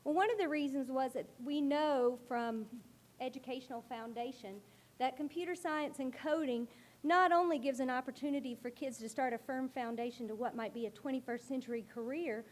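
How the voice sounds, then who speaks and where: Her voice high-pitched and brisk, a female school librarian presents to a board meeting. She projects loudly and carries well, with an earnest, explanatory manner.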